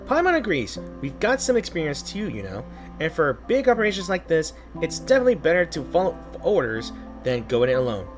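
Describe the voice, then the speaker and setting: A man voicing a small, excitable fairy companion girl from a game, eager and exclamatory. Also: on the high side, brisk, soft background music, pitched above the performer's own voice.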